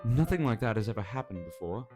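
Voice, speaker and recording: A man's voice: lowish voice, big pitch swings, quick pace, a little mellow, faint music behind. Man doing a shaky fake British girl. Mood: mock-British. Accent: put-on British, drifting toward Australian. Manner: hesitant, amateur mock accent, stumbling. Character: shy bookish young woman. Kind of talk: reading a visual novel aloud with friends.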